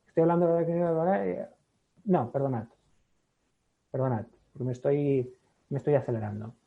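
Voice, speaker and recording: Husky man with a Spain Spanish accent. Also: fairly high pitch. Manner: animated, acts out little scenes, keeps checking with "¿no?". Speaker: guest, public speaking expert. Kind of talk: explaining in a podcast interview. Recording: thin phone-like audio.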